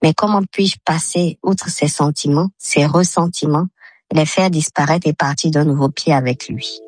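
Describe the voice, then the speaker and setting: A woman in her thirties from Mali, leaving a recorded message for a radio show with her voice altered by a voice changer, reading it out in a measured, steady way. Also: low voice. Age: 30s. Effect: voice disguised with a voice changer. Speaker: caller to a health radio show. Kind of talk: recorded message read aloud.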